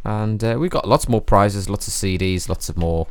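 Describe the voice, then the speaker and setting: An English man co-presenting a community radio show, good-humoured and rambling with halting restarts. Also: lowish voice, smooth, no room sound. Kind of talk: casual radio banter.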